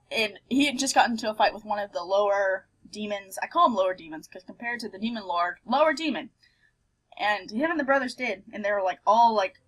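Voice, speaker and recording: A playful, expressive woman hosting a let's play, switching between reading game text aloud and casual commentary. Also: on the high side, rough recording.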